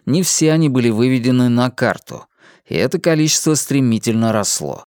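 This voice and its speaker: A narrator reading an audiobook in an even, measured way. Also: medium pitch, dry recording, studio quality.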